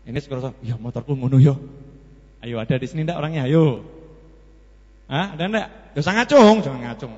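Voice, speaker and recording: A man with a Javanese accent preaching a sermon, animated and telling stories, acting out the dialogue as he goes. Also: on the high side, a little fast. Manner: animated, acts out dialogue in the story, mixes in Javanese. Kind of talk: sermon with storytelling. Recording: lo-fi echoey hall.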